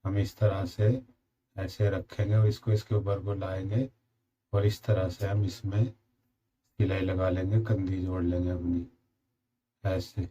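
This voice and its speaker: A man with a slightly sore throat gives a slow, repetitive step-by-step sewing tutorial as a tailoring instructor. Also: sits low, flat delivery, mellow, slight background noise. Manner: slow, repetitive instructions addressing viewers as friends.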